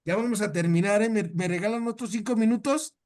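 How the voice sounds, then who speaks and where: A man with a Mexican Spanish accent leads a relaxed Bible class in a fairly high voice. He talks in a chatty, folksy way, stumbling over and repeating words and asking his listeners "right?" as he goes. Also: fairly quick. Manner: chatty, repeats words, tells jokes, asks "¿sale?". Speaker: teacher leading a Bible class. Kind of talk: informal religious lesson.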